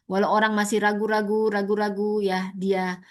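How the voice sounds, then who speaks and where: A woman preaching a sermon, animated, repeating words for stress and jumping high to mimic others. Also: moderate pace. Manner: animated, leaps to high pitch for emphasis and mock quotes; addresses listeners as "saudara", repeats words for stress.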